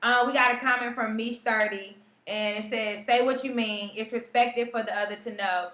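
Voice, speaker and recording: A woman's voice: a little high, fairly even intonation, moderate pace, a bit bright, roomy sound. A woman co-hosting a casual live-stream talk show, blunt and slangy, reading out viewer comments. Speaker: co-host.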